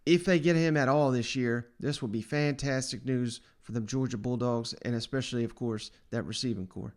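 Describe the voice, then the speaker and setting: A man's voice: medium pitch, moderate pace, a little mellow. A man hosting a casual sports talk show in a chatty, folksy manner.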